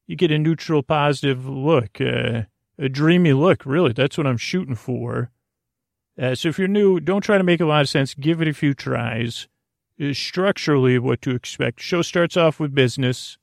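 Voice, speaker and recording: In a clean studio recording with no echo, a man with a creaky, medium-pitched voice hosts a sleep podcast. His bedtime monologue meanders and halts, gently whimsical and reassuring, and often drifts off into tangents.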